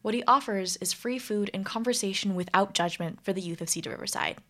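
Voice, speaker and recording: A woman narrating a student news report in a clear, measured scripted delivery. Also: medium pitch, sharp tone.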